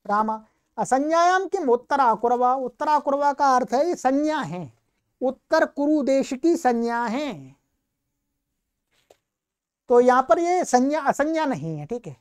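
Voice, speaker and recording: A woman with a high-pitched voice gives a recorded Sanskrit grammar lecture. She explains patiently and steadily. She keeps posing questions to the class and then answering them herself. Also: darkish tone.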